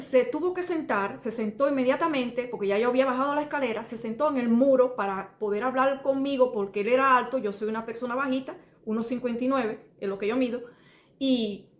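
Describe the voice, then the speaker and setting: A middle-aged woman with a Cuban Spanish accent, sharing a faith testimony in a slightly high voice. She talks earnestly and circles back over details, often turning to the listener as brother. The recording carries a roomy echo. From Cuba. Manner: earnest, rambling, restarts and repeats details, addresses listener as brother. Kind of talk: personal testimony.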